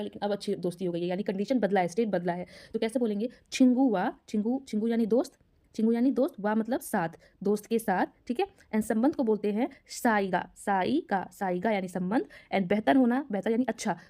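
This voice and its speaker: A woman's voice: medium pitch, mellow. A young woman teaching a Korean grammar lesson, patiently repeating each word and checking that the learner follows.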